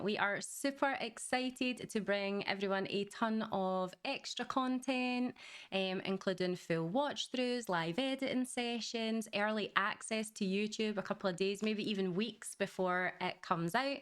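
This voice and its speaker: Female host, gentle Glaswegian Scottish accent, crisp and clean tone, careful diction, informal chat. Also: mid-range voice. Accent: Glaswegian Scottish, softened. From Glasgow, Scotland. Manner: deliberately slowed, clearer speech. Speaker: host of film reaction channel. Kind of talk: casual chat to viewers.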